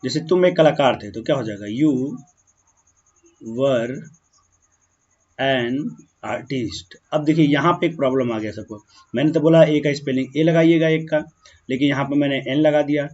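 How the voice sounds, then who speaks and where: A man teaching a grammar lesson, slowing down as he writes words out and often checking that students follow. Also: a little high, a little mellow. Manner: keeps checking in with "ठीक है ना" and "clear है"; slow, drawn-out when writing words. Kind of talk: grammar lesson explaining on a board. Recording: dull, muffled lo-fi sound.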